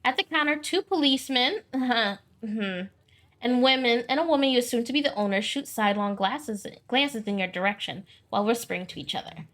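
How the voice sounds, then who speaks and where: A woman's voice: on the high side, animated, brisk, fairly bright tone. A woman hosting a let's play, reading a visual novel aloud with sassy, laughing asides.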